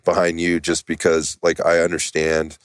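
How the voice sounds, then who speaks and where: A man's voice: low-pitched, monotone, moderate pace, clear, resonant tone, dry recording, clean studio sound. A man hosting a podcast, asking questions in a friendly, thoughtful way with frequent restarts. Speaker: podcast host. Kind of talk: casual podcast conversation.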